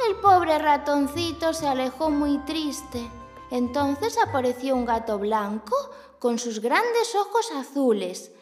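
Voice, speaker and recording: A woman narrating a children's tale in a gentle, expressive way. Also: high voice, slow pace. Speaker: children's storyteller. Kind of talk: scripted storybook narration. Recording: long hall reverb, faint music.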